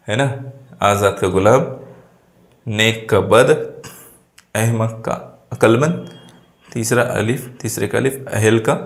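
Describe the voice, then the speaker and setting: A male teacher who explains vocabulary exam answers step by step and keeps checking that his students follow. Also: lowish voice. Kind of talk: exam prep lesson. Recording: echoey room sound.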